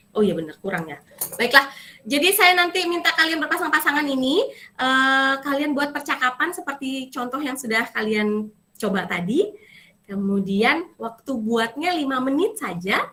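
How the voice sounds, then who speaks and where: Woman teacher running a japanese class, bright high-ish voice, keeps correcting students. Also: moderate pace. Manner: lively, corrects and coaches students, switches between Indonesian and Japanese. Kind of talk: online class instruction.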